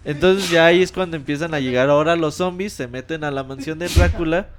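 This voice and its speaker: A man's voice: a little high, brisk, soft background music. Slangy Mexican man retelling game scenes. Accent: Mexican Spanish. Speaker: podcast host. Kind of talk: casual chat.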